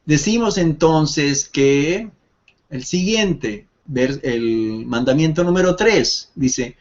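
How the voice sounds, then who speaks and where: A man's voice: medium pitch, lo-fi sound. A man teaching an online Torah class, reading Hebrew verses aloud, then translating and explaining them with lots of repetition.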